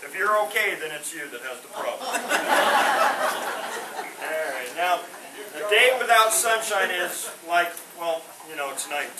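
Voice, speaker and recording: A male stand-up comic with a high voice tells corny one-liners in a veterans home hall, expressive and unhurried, his delivery trailing off sheepishly. He has no microphone. The recording is made from across the roomy hall, with background noise.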